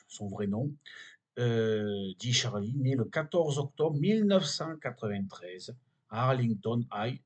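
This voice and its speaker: A man's voice: medium pitch, breathy edge. A man with a French accent hosting a weekly video, reading an online biography aloud and adding his own opinions, with many fillers and restarts. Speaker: video host reading and commenting. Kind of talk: casual commentary reading from a web page.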